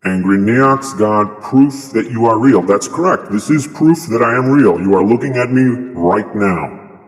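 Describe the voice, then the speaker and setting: A man's voice: fairly low pitch, measured pace, in a large hall, faint music behind, natural voice. A man playing a smug, callous God. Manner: deadpan, sarcastic, reads viewer questions aloud. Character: smug, callous male God character, cruel and casual. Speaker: streamer in character. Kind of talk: in-character livestream chat.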